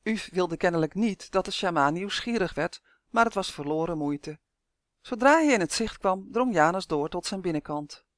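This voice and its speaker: Audiobook narrator for a children's fantasy; steady, expressive reading, dry close recording. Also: medium pitch, normal speed, no room sound. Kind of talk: scripted storybook narration.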